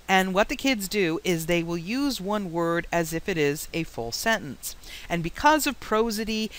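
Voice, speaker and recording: A woman teaching a psychology lecture, explaining points with anecdotes and deliberately varying her pitch, pace and loudness. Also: rough recording. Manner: varies pitch, rate and loudness on purpose. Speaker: psychology instructor. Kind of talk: classroom lecture.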